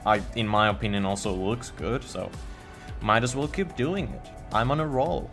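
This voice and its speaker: A man's voice: on the low side, moderate pace, a bit bright, soft background music. A young man from Finland with a Finnish accent, chatting casually on a game live stream and stumbling over his words. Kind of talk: casual live-stream chat while building.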